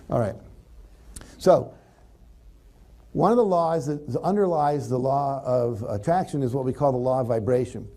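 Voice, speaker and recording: A motivational speaker with a medium-pitched, dark-toned voice and some vocal fry gives a conversational talk to an audience. He animatedly acts out example thoughts as he goes.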